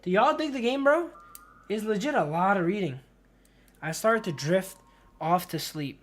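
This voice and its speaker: Doing casual game commentary on a live stream, a man reads the story text aloud and chats informally, tossing around bro and dude for his listeners. He speaks at normal speed in a high-sitting, fairly bright voice with lively intonation, and music plays in the background.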